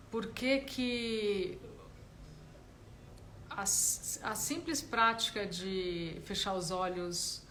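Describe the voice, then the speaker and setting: Brief: woman teacher leading a live meditation talk, soft and explanatory, medium pitch. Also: slight background noise. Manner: gentle, explanatory, frequent "né?" tags.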